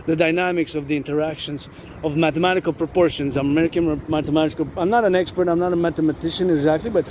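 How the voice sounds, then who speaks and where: This man speaks fast in a steady tone, his voice on the high side, as he vlogs outdoors in a rambling monologue full of insistently repeated words and phrases. The roadside setting brings loud traffic noise, passing vehicles and an urban backdrop.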